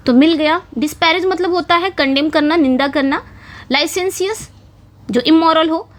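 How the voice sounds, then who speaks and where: High-voiced woman teaching exam English. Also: normal speed. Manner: explains step by step, checks in with "ठीक है" and "समझ में आ गया". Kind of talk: exam-prep lesson in Hindi with English terms.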